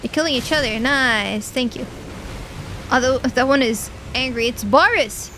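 A young woman streamer talks her way through a game, answering chat with teasing jokes and mock anger. Her voice sits a little high and her delivery is unhurried and drawn out. A faint hum of background noise lies under the voice. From Portugal. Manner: chatty and playful, reads and answers chat, quick laughs and mock anger. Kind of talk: casual gameplay commentary chatting with viewers.

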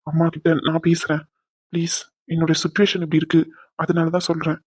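A man voicing an apologetic young husband in a cartoon drama, talking gently and coaxing. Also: a little high, monotone, brisk, slightly rough, dry recording. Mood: pleading.

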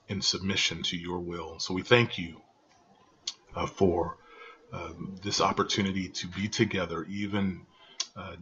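An older man, a pastor, opening a church service and leading prayer in an earnest, unhurried way, pausing often, speaking at home over a video call. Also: deep voice, sharp tone, slight background noise. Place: home room, indoors. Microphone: webcam on a video call. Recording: dull lo-fi video call audio.

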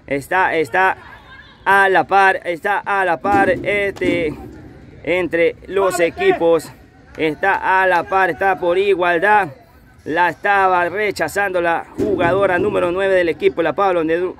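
A man's voice: sits high, a little slow, a bit bright. A man giving live play-by-play football commentary, repeating his phrases over and over. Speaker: amateur football match commentator. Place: outdoors at a football pitch.

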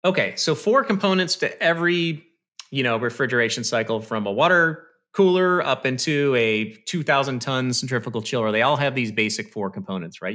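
Over slides in a small indoor room, a bright-voiced man with a mid-range voice gives a technical HVAC presentation. He explains things step by step in a conversational way, often saying "you know" and "okay," using a studio mic on a stand with headphones on a video call.

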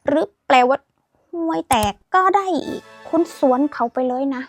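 A woman's voice: high-pitched, normal speed, faint music behind. A woman teaching a playful language lesson, teasing and mixing in English phrases. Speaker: language tips host.

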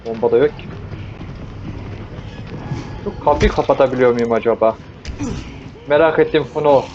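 A man's voice: medium pitch, normal speed, music in the background. Joking young man playing a zombie game. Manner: joking, talks to the zombies, bursts into yells. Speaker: gameplay streamer. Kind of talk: casual let's-play commentary. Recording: dull lo-fi mic with noise.

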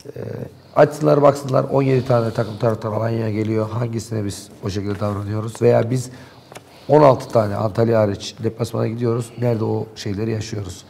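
A man's voice: fairly low pitch, steady tone, fairly quick, vocal fry, mellow, slight background noise. A man in a local TV studio, animatedly and indignantly recounting events in heated talk.

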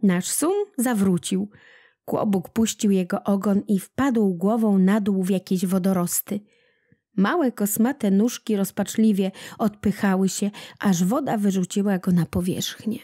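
Slow, mellow woman reading a folk tale. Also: mid-range voice, dry recording, clean studio sound. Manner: slow, deliberate storytelling. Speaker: narrator, audiobook reader. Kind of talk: reading a children's legend aloud.

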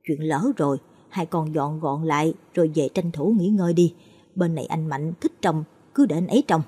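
A woman voicing a grieving elderly mother who laments in a high, strained voice. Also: moderate pace, dark tone, husky. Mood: weary. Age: older.

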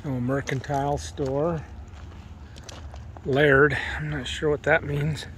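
Man, travel vlogger, slow relaxed musing commentary, slightly higher voice, handheld camera outdoors. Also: a little hiss or hum. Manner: relaxed, musing, easily amused. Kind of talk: casual walking commentary. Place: outdoor historic village.

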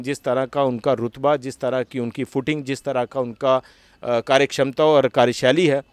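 A male news anchor from closing a political interview with formal, measured commentary. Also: medium pitch, dry recording.

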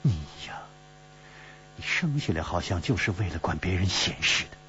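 A man's voice: low voice, animated, normal speed, pushed and bright, pitched below the performer's own voice. A male storyteller voicing a teasing, worried young woman companion who chides and sighs, in a traditional storytelling audiobook. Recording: slightly dull recording with faint hum.

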